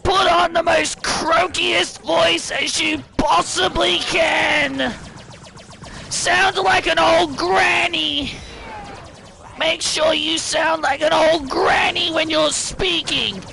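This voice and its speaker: A man putting on a croaky, strained, exaggerated singsong voice of an elderly granny creature from a game. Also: very high-pitched, fairly even intonation, takes it slowly, raised voice, music in the background, voice pushed up, heavily acted. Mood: shrill mocking.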